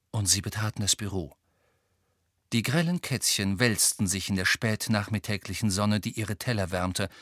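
A man reading an audiobook in measured, even scripted narration. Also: on the low side, dry recording, clean studio sound.

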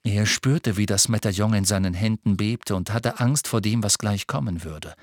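A man reading an audiobook in a measured, expressive way. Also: lowish voice, no echo, clean studio sound. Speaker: audiobook narrator. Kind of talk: scripted narration.

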